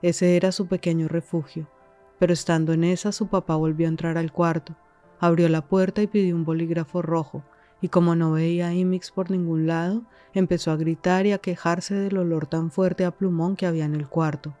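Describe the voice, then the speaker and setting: A woman reading scripted podcast narration in a measured, calm way. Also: on the low side, faint music behind.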